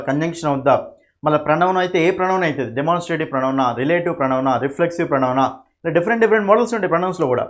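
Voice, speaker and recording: Fast-talking Telugu-accented male teacher. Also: high-pitched. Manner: addresses students fondly as "nanna"; quick, repeats key terms and asks "okay?" often. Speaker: English teacher. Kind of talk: exam-prep lesson.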